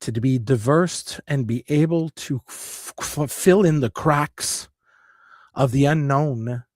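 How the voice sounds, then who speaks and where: A man's voice: medium pitch, slow pace, darkish tone, no room sound. Earnest rambling man, dry close sound. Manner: earnest, rambling, with frequent restarts. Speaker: show host. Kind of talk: spoken monologue.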